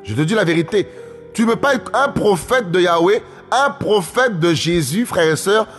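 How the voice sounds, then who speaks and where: A man's voice: sits high, expressive, moderate pace, fairly bright tone. A man preaching a sermon emphatically, repeating phrases and calling out to his listeners. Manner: emphatic, repetitive, often calls out to listeners. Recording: faint music, long hall reverb.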